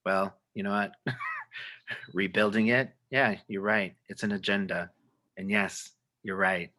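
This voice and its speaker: A man speaking as a panelist on a video call in a halting way, restarting phrases. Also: fairly low pitch, fairly even intonation, pushed and bright. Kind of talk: panel talk.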